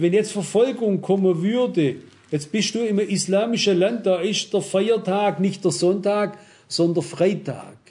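A man's voice: high-pitched, warm tone. A man preaching a sermon, reasoning with examples, reading Bible verses aloud and often asking the congregation "wisst ihr?". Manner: measured, cautious reasoning with examples.

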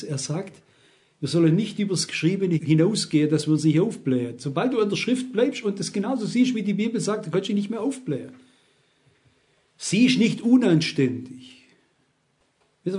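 A man's voice: a little high, mellow. A man in his sixties preaching a sermon, emphatic and constantly asking his listeners rhetorical questions.

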